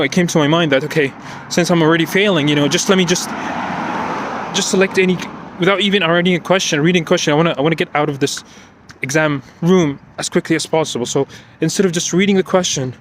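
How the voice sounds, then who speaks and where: Guy walking and venting, kinda breathless, higher voice, keeps restarting sentences. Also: background noise. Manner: emotional, repetitive, restarts often. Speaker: vlogger recounting an exam. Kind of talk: unscripted personal vlog. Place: outdoors, walking.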